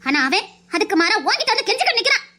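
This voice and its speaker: A woman's voice: very high voice, sing-song, racing, sharp tone, full character voice. A woman voicing a stern, wise grandmother who lectures firmly, with a Tirunelveli Tamil accent. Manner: lecturing, firm, moralizing. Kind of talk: family drama acting.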